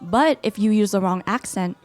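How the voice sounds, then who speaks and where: A young woman from the United States hosting a casual chat, telling stories in a playful, animated way. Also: mid-range voice, normal speed, soft background music. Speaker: host.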